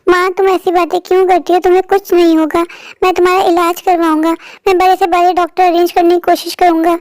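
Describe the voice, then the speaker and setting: A woman's voice: very high-pitched, flat delivery, fast, a little mellow, no room sound, studio quality. A woman voicing a timid, devoted young boy in a cartoon, speaking earnestly and pleadingly. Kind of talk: cartoon voice acting.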